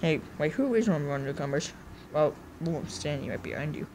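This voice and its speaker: A woman's voice: animated, fairly quick, warm tone, a little hiss or hum. Woman voicing a whole plush cast. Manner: jumps between many put-on character voices, squeaky highs and low mutters. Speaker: plush skit performer voicing all characters. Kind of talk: improvised toy skit.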